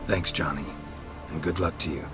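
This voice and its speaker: A deep, terse monster hunter. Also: male voice, moderate pace. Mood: stoic. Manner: clipped, flat and laconic. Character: gruff male monster hunter, terse and stoic. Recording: game audio under very loud music.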